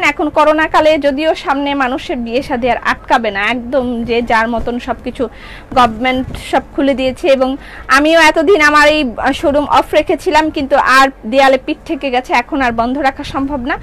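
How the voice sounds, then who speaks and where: A woman's voice: sits high, steady tone, normal speed, fairly bright tone, a little hiss or hum. A woman with a Bangladeshi Bengali accent presenting her clothing line on a live sales stream, chatty, reading out viewer comments and slipping in English words. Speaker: clothing shop owner.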